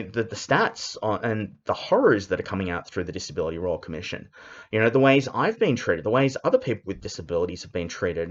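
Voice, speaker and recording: A man with an Australian accent, speaking in an intense, emphatic monologue full of halting restarts. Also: on the low side. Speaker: commentary vlogger. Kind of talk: unscripted ranting monologue. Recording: dull lo-fi recording.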